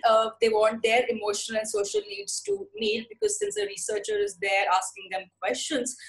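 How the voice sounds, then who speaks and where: Woman webinar presenter, Indian English accent, brisk delivery with fillers, a touch high-pitched, video call. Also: low-quality recording. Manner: fast-paced explanatory talk with many fillers. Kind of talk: online lecture.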